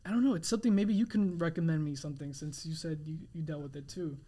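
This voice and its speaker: A young man with a somewhat higher voice speaks as a guest on a podcast. He talks earnestly, restarting phrases and reaching for words as he explains himself. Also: fairly even intonation, dark tone. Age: 20s. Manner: earnest, halting, many restarts and fillers. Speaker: realtor guest. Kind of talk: casual interview chat.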